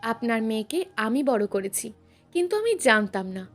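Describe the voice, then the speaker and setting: Brief: a woman reading as a tender middle-aged mother in a storybook, hushed, slow and a little low. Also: big pitch swings, faint music behind. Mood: quiet.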